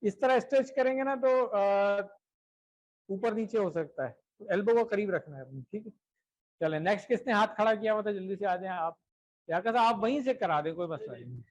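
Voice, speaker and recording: A man's voice: high-pitched, lively intonation, poor audio. A man teaching an Arabic class to adults, encouraging students and often checking that they follow. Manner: encouraging, repeats "theek hai" checks often. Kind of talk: classroom lesson.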